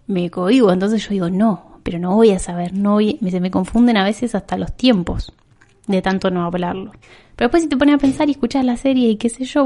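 A woman's voice: a little high, warm tone. Chatty Argentine woman podcaster. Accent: Argentine Spanish. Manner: chatty, rambling, self-mocking with frequent laughs. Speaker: podcast host. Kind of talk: casual chat.

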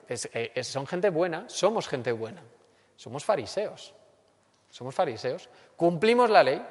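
Lively Spanish-accented lecturer in a reverberant hall. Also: male voice, medium pitch. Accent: Spain Spanish. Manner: lively, acts out everyday complaints. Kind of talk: lecture on character education.

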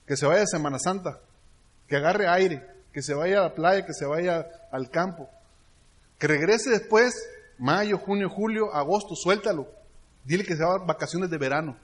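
A man's voice: on the high side, normal speed. A middle-aged man with a Mexican Spanish accent giving a motivational business seminar, telling stories and often checking that the audience follows him. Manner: storytelling that keeps checking in with the audience. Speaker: business leadership speaker.

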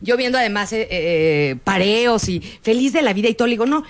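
A woman's voice: mid-range voice, brisk. A woman from Mexico with a Mexican accent, telling a funny travel story in a casual chat and acting out her own lines. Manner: lively, acts out her own past lines.

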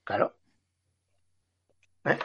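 A man with a Spain Spanish accent co-hosting a podcast, rambling and joking in casual chat, his sentences often trailing off. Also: drawn-out words. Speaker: podcast co-host. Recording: dull lo-fi dry sound.

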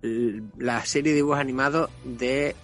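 A man with a Castilian accent chatting casually as a podcast panelist, haltingly searching for his words. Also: medium pitch, fairly even intonation. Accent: Castilian Spanish. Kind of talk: casual review chat. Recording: music behind the voice.

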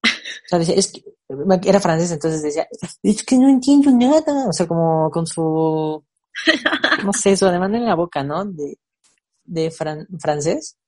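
A young woman with a Mexican accent, telling stories in a relaxed, casual chat full of fillers. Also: low voice, a little slow. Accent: Mexican Spanish. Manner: relaxed storytelling with many fillers.

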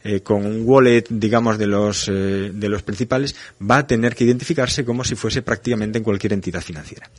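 Low-voiced man as radio guest. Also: a little fast, few pauses, no room sound. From Galicia, Spain. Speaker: guest expert. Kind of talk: radio interview.

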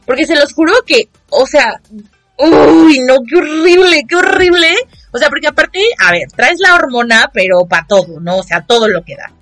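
A young woman with a Mexican Spanish accent, telling a casual vlog story in an expressive, dramatic way and mocking the people she quotes. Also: high-pitched, normal speed, soft background music. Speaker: vlogger.

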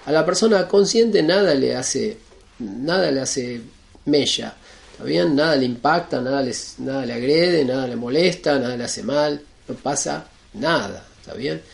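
A man's voice: mid-range voice, normal speed, gravelly. A man giving an earnest spiritual lesson, listing points one by one and often checking in with his listeners. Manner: earnest and repetitive, listing points, often asks ¿está bien?. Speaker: spiritual teacher. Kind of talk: explanatory spiritual talk.

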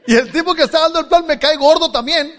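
A man's voice: very high voice, fairly bright tone, slight background noise. A middle-aged man telling a humorous life story to a live audience, joking and laughing as he goes. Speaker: speaker giving a testimony. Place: stage before an audience.

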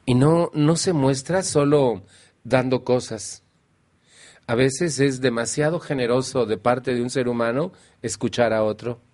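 A man addresses a live audience. His voice sits at a middling pitch, and his tone is playful and conversational. He often puts questions to the room. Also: measured pace, a little mellow. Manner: playful, asks the audience questions, acts out quotes in a higher voice. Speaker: speaker at a recovery meeting. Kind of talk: motivational talk to a live audience.

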